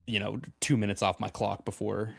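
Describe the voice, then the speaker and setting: A man's voice: fairly low pitch, a little fast, gravelly, breathy edge, dry recording, clean studio sound. A man co-casting a card game live, laid back and hesitant, with frequent fillers. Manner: relaxed, hesitant, many fillers. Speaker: co-caster.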